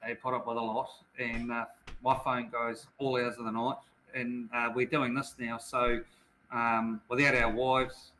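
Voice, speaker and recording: Bright-voiced Kiwi man chatting casually. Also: medium pitch, little pitch movement, slight background noise, poor audio. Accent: New Zealand. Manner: halting, repetitive, informal. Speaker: speedway racer, show guest. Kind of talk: casual chat.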